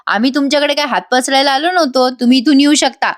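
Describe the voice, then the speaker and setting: A woman's voice: high voice, fast, pitched above the performer's own voice, lightly acted. A woman voicing a firm, stubborn young woman shopkeeper who refuses a deal.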